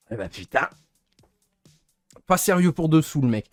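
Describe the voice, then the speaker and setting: Young guy ranting on stream, kinda high voice, dry close sound, rambling and fed up, music faintly behind. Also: warm tone, no echo. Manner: rambling, gets annoyed, searches for words. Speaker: livestreamer. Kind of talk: casual venting to stream chat.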